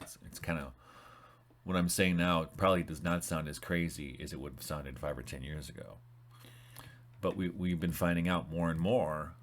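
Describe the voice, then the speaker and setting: A man's voice: sits low, fairly bright tone. A man talking informally and reading passages aloud from a book, rambling with frequent restarts and asides. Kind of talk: casual talk with reading aloud.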